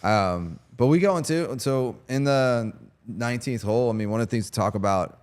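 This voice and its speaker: A man's voice: medium pitch, a little fast, darkish tone. A man hosting a casual chat outdoors on a golf course, upbeat and laughing easily, rambling through explanations. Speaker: host.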